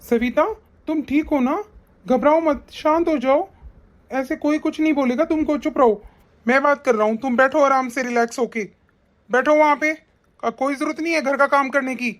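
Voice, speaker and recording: A woman's voice: sits high, moderate pace, natural voice. A woman voicing a protective young husband. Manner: reassuring. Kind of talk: animated family drama voice acting.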